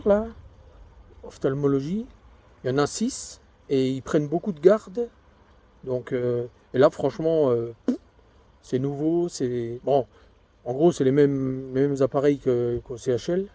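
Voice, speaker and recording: A man's voice: mid-range voice, mellow. A middle-aged man from Belgium chatting casually in a video diary, rambling through stories and often laughing. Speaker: vlogger sharing his cancer treatment diary. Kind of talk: casual chat.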